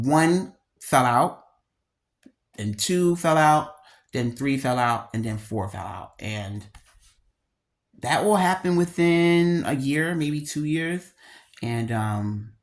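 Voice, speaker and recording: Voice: medium pitch, expressive, slow. A speaker in their thirties with a slight lisp from missing front teeth, talking candidly and emphatically in slangy, casual vlog style, repeating words for emphasis. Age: 30s. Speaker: video creator.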